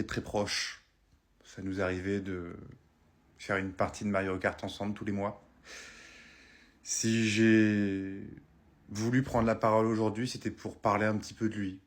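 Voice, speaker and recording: Guy playing a deadpan son at a funeral, low voice, lots of euh. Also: close to an everyday voice. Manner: hesitant, deadpan, full of "euh". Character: mock-solemn son giving a rude eulogy. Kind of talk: comedy sketch.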